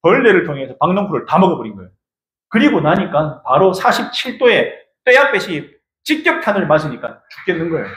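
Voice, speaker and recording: Animated high-voiced male pastor preaching. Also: fairly quick. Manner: animated preaching, asks the congregation questions. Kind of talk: sermon. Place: church sanctuary. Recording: echoey church room.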